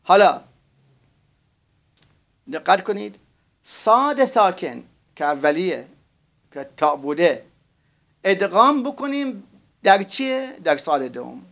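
A man teaching a grammar lesson, spelling out words slowly and asking his students to confirm they follow. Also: sits high, very animated, fairly bright tone. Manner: slow, drawn-out spelling of words, asks class to confirm.

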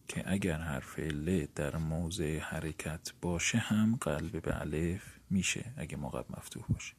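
A man with a very low, husky voice lectures methodically on grammar, breaking every rule down into its steps. He speaks as a seminary student teaching his peers. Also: darkish tone. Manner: methodical, spells out each step of a rule. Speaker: teacher of Arabic morphology. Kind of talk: classroom lecture on grammar rules.

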